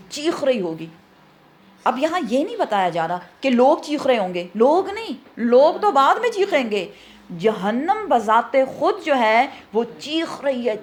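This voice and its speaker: Higher-voiced woman teaching a Quran lesson. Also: a little hiss or hum. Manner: asks questions and answers them herself; mixes English words into speech.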